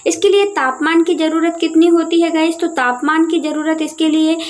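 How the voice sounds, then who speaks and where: A woman's voice: very high-pitched, fairly even intonation, moderate pace. A woman teaching a school lesson over a map, asking questions and answering them herself, often calling her viewers guys. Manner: keeps addressing viewers as guys.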